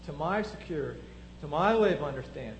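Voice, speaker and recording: A man's voice: on the high side, animated, fast talker, reverberant, a little hiss or hum, rough recording. A man preaching a sermon, building his point through strings of rhetorical questions.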